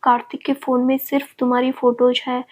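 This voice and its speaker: A woman's voice: high-pitched, completely flat delivery, a little fast. A woman voicing a bitter, contemptuous young man with a harsh, accusing manner. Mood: angry, scornful. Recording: dull lo-fi recording.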